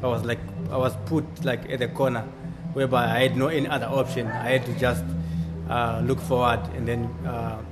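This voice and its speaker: A man from Zimbabwe, a coffee shop owner answering interview questions in an earnest, halting way with many restarts. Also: mid-range voice, little pitch movement. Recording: music playing clearly behind.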